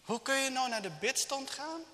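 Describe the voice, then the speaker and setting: A man's voice: very high-pitched, animated, normal speed, sharp tone, in a large hall, pitched above the performer's own voice, heavily acted. A man voicing a reproachful elderly grandmother in a retold story.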